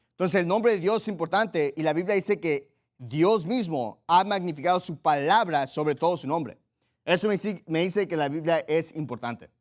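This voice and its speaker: A pastor preaching a sermon emphatically, repeating his points, checking in with the congregation and reading Bible passages aloud. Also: a little high. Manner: directs listeners to Bible passages and reads them aloud.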